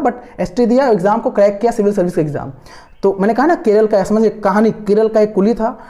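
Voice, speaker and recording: A man's voice: high voice, warm tone. A man teaching an online exam-prep lesson from slides, repeating key words often, full of hesitant fillers and coaxing his students to understand. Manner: coaxing and encouraging toward students. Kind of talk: online lesson explaining memory tricks from slides.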